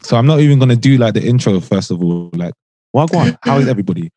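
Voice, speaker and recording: A man's voice: medium pitch, expressive, quick pace, mellow. A man with an urban London roadman accent, hosting a podcast in casual, bantering street slang. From South London, England. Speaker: podcast host.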